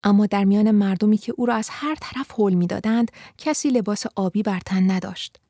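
A woman narrating an audiobook in a calm, measured reading voice. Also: mid-range voice, dry recording, clean studio sound. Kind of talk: audiobook storytelling.

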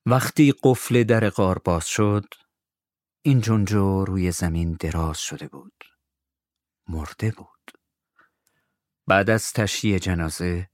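A man narrating a children's story, animated, dropping to whispers for suspense. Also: low voice, no room sound, studio quality.

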